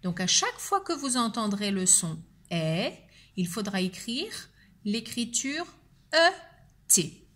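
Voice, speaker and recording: A woman teacher giving a spelling dictation, speaking slowly and deliberately and repeating each word with care. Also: medium pitch, sing-song, a bit bright. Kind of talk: slow spelling dictation lesson.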